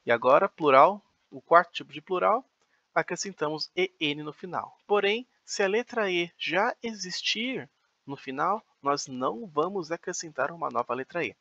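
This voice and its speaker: A man's voice: on the high side, expressive, normal speed, bright, forceful tone, dry recording, dull audio. A man teaching a beginner German lesson, explaining patiently with frequent "então" and "né".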